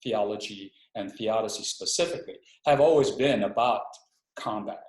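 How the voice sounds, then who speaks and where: A man's voice: lowish voice, moderate pace. A middle-aged man from Hawaii, an Army chaplain speaking as a guest in a webinar interview, reflective and a little hesitant, often restarting his sentences. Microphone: video call. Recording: roomy echo.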